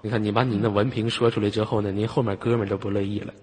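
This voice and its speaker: A man with a fairly low, level voice hosts a live online voice chat, firing off rapid banter and jokingly teasing callers, often chuckling. The audio is noisy, with long hall-like reverb on the mic.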